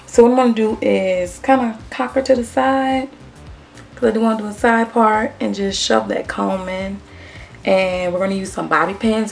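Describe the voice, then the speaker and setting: A woman's voice: medium pitch, distant mic. Chatty woman vlogger, a bit off-mic. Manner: chatty, addresses viewers as y'all; talks with peppermint in her mouth. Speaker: beauty vlogger. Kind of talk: casual wig tutorial.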